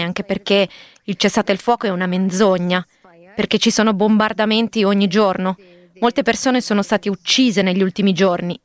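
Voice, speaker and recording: Mid-pitched woman reading news voice-over. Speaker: voice-over translator. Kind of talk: read voice-over translation of an interview.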